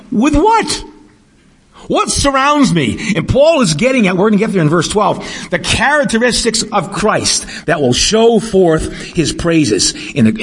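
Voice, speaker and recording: Middle-aged male preacher, lively, swooping delivery, husky tone, emphatic repeats, rhetorical questions. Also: high-pitched. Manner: emphatic, repeats words while building a point; asks the congregation questions. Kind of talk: sermon.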